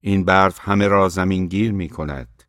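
A man reading an audiobook, voicing a gruff, taciturn old man who gives curt, terse replies. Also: low voice, steady tone, fairly bright tone, no echo, studio quality.

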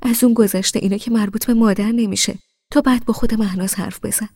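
Woman doing a pleading peacemaker sister in a storybook, husky and dry. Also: mid-range voice, steady tone, mellow, no echo, natural voice. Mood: urging. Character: adult sister, reasonable peacemaker.

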